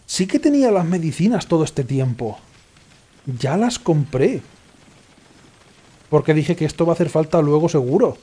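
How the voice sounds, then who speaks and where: A man's voice: a little high, lively intonation, moderate pace, long pauses, mellow, breathy edge. A man giving casual let's play commentary, sarcastic and rambling, often muttering to himself. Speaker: gaming streamer. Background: faint game music.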